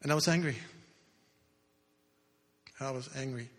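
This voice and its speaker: Speaking in a hall with long, echoing reverb, an older church speaker whose first language isn't English earnestly recounts his testimony. He restarts haltingly as he goes. His pitch is medium and the tone a bit bright.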